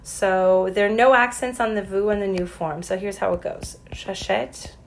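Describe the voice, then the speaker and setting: A woman teacher talks through a recorded French lesson, spelling out letters one by one and slowing down for example sentences. Her voice sits at a medium pitch. There is a faint noise in the recording. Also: low-quality recording.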